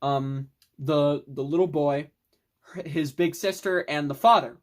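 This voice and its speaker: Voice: medium pitch, unhurried. A young adult vlogger giving a casual, rambling film review monologue, enthusiastic, with mild swearing.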